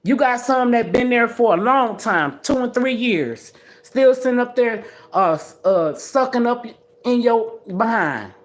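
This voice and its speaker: A woman in her sixties hosting a casual livestream, talking bluntly and scolding with animated trash talk. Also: fairly high pitch, a little slow. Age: 60s. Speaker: livestream host.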